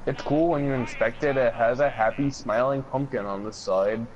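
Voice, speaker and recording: A man's voice: medium pitch, muffled recording. A man casually chatting and joking while playing a video game on stream. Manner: relaxed, jokey, drawn-out muttering. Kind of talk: casual gameplay chat.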